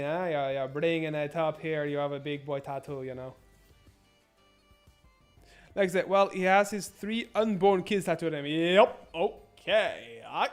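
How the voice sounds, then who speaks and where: Rambling, foul-mouthed man streaming a game. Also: fairly high pitch. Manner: profane, rambling, stammers and repeats himself. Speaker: gaming streamer. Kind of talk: casual gameplay commentary.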